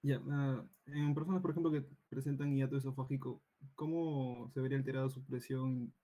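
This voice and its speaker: A man's voice: mid-range voice, steady tone, brisk, mellow. A young man, a medical student, hesitantly asking a question in class. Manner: hesitant, fillers.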